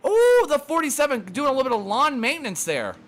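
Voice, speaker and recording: A man calls a sim race in rapid, excited play-by-play and says he is out of breath keeping up with the action. His voice sits very high for a man. Faint music plays behind him. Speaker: race commentator. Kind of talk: play-by-play sim racing commentary.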